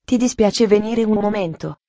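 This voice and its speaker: A gentle, serious male country doctor speaks quietly and with some hesitation, read by a woman without lowering her voice much. The tone is mellow, the sound close and dry. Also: normal speed, dry recording, natural voice. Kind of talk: audiobook reading.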